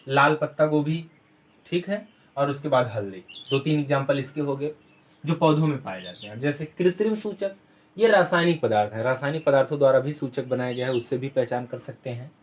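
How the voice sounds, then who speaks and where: A man with a slightly high voice teaches a school science class in Hindi. He works through each idea with everyday examples, asks questions and then answers them himself, and clears his throat now and then. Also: slight background noise.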